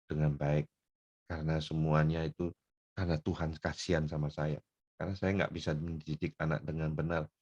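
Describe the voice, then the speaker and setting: Older preacher man, muffled lo-fi sound. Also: sits low. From Pematangsiantar, North Sumatra. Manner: folksy storytelling, swings from soft murmurs to loud emphatic bursts. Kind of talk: sermon.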